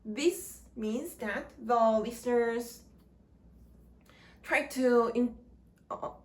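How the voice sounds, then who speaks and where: A woman teaching English grammar in a slow lecture, speaking in short, deliberate chunks. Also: a little high.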